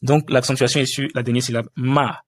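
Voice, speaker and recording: A man's voice: mid-range voice, level tone, normal speed, no echo, studio quality. A man teaching a language lesson over a screen-share tutorial, hesitant, with many fillers and restarts.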